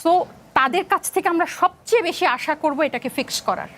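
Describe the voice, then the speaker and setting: A woman's voice: extremely high pitch, moderate pace, fairly bright tone. A woman with a Bangladeshi Bengali accent on a political talk show panel, arguing her case and slipping English phrases into her speech.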